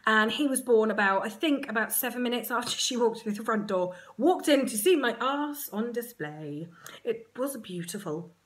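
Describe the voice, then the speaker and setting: An Englishwoman telling a personal story to camera in a chatty, frank, self-mocking way, full of quick asides. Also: fairly high pitch, animated, fairly bright tone. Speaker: surrogate mother vlogger.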